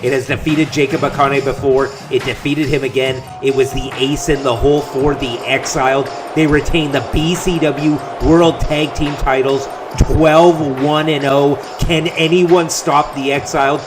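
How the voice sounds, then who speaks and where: Energetic male wrestling commentator. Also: medium pitch, moderate pace, few pauses, music in the background. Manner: energetic play-by-play calling. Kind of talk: play-by-play commentary over a video game.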